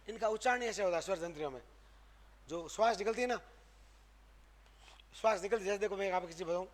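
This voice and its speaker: A man. He lectures in an emphatic way, putting questions to the room and answering them himself before moving on. He repeats sounds with extra stress so the students can hear the difference. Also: sits high. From Rajasthan, India. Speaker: Hindi grammar teacher. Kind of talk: classroom lecture. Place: classroom.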